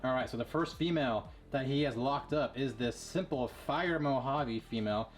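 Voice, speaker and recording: A man breeding ball pythons, talking casually and quickly with lots of fillers as he shows his snakes. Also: mid-range voice, faint music behind. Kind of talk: casual vlog showing animals.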